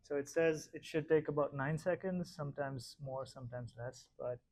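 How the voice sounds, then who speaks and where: A man's voice: on the high side, normal speed, darkish tone. A man presenting a live demo, explaining a voice-cloning tool in an easygoing way.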